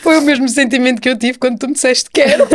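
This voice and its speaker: A woman with a European Portuguese accent hosting a podcast, reading a measured introduction and then chatting with her guest. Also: sits high, breathy edge, no room sound. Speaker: podcast host. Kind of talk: scripted introduction then casual interview.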